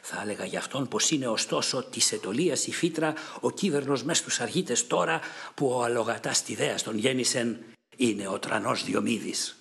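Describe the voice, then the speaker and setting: A man's voice: mid-range voice, lively intonation, vocal fry, fairly bright tone. A man voicing an older king who calls out earnestly to fellow lords in an epic poem reading.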